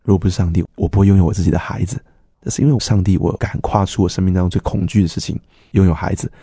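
A man's voice: sits low, fairly even intonation, rapid-fire, mellow, husky, no echo, studio quality. A middle-aged man, a pastor earnestly telling his personal testimony and acting out the dialogue he quotes.

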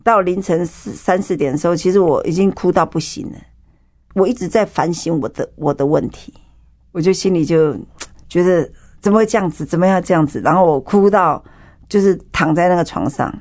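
A woman's voice: lowish voice, fairly quick, darkish tone. A woman with a Taiwanese Mandarin accent, giving an emotional personal testimony as an interview guest and acting out the people in her story. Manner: vivid storytelling, acts out dialogue.

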